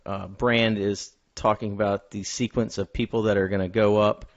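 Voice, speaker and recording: Male podcast host, lower-pitched middle range, halting casual movie talk, slightly lo-fi recording. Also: little pitch movement. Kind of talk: casual film discussion with a co-host. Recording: dull, lo-fi sound.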